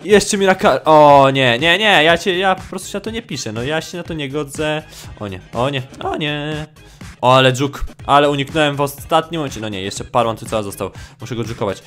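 A man giving casual gameplay commentary as a gaming YouTuber, excitable, swearing freely and swinging from low mutters to shrill yelps. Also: brisk, faint music behind.

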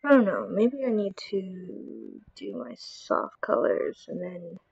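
Slow, mellow woman muttering while painting. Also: lowish voice, creaky, husky, no room sound, highs cut off. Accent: Southern American. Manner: relaxed, talks to herself while painting, mutters and whispers. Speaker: art channel host. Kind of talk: casual painting vlog commentary.

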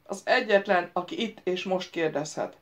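A woman voicing an unseen, imperious male voice that questions and mocks a prince in a loud, commanding way. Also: lowish voice, natural voice.

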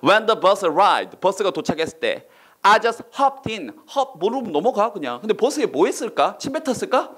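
A man teaching an online English exam-prep lecture, firing quick questions at his students and acting out reactions with silly voices. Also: high voice, big pitch swings, a bit bright, slightly rough.

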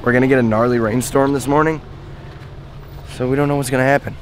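A man with a hoarse voice from a sinus infection, chatting loosely to the camera as a fishing vlogger. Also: mid-range voice, fairly even intonation, quick pace. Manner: laid-back, rambling, many fillers. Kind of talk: casual vlog talk to camera. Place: car, then outdoors by a lake.

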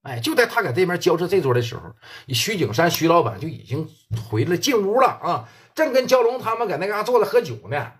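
Husky Northeastern storyteller. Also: male voice, sits high, very animated, a little fast, hardly any pauses. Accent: Northeastern Mandarin. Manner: casual, colloquial, swearing. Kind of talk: oral storytelling.

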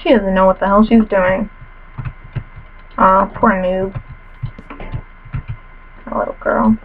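A woman's voice: mid-range voice, fairly even intonation, slow pace, phone-quality sound, slight background noise. A teenage girl commentating her own game casually, chatty and self-mocking with playful trash talk, a little sniffly after a cold, in her bedroom at home. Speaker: gamer commentator.

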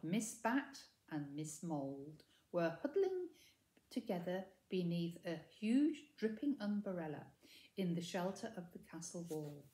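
A woman in her sixties reads a children's story expressively in a lowish, dark-toned voice. She's indoors in a living room by a window, recorded a short distance from the camera, and the room sounds echoey.

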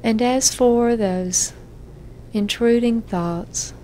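A woman therapist with a slightly high voice conducts a guided self-hypnosis relaxation session, her soft, measured instructions punctuated by frequent pauses, over slight background noise.

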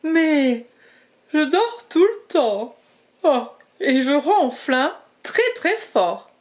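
Woman voicing a male badger, drowsy, yawning, drawn-out, storybook. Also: high-pitched, very animated, voice pushed up, full character voice. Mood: sleepy.

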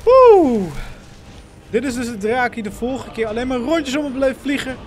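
Excitable man commenting on his game. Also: extremely high pitch, quick pace, slight background noise. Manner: playful, excitable, talks to his in-game follower. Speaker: gaming channel host. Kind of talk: casual let's-play commentary.

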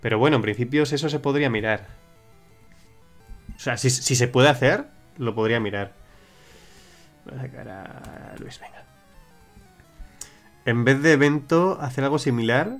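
Over soft background music, a chatty young man on a livestream reads viewer suggestions in a medium-pitched voice at normal speed, leaving long pauses. His talk meanders, with plenty of restarts and swearing.

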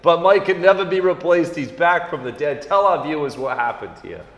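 A man co-hosting a comedy talk show, telling a story in a relaxed, animated way and laughing as he acts out quotes. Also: fairly high pitch, normal speed, highs cut off. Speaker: comedian co-host. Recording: echoey room with faint hum.

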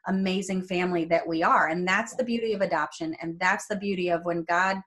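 Animated woman telling family stories on a video call. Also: on the low side, fairly quick. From New Jersey. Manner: animated storyteller who acts out quoted family members. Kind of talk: casual faith interview. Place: home room with lamp, video call.

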